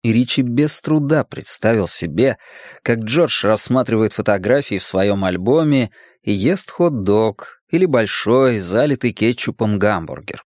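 A man reading an audiobook in a measured, steady way, dropping lower on the grim lines. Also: no echo, studio quality. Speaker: audiobook narrator. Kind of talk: scripted narration.

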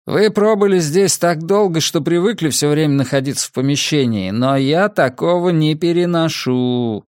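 A man's voice: a little high, moderate pace, a little mellow, pitched above the performer's own voice, lightly acted. A weary, put-upon worker grumbling in a plain everyday voice, as a male narrator reads him. The sound is dry and close, with no room echo. The delivery stays conversational rather than theatrical. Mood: complaining.

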